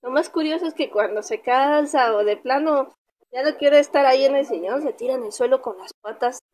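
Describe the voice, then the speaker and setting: Young mexican woman, high voice, casual pet vlog chatter, coos at her dog a lot. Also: fairly quick, darkish tone. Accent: Mexican Spanish. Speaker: vlogger.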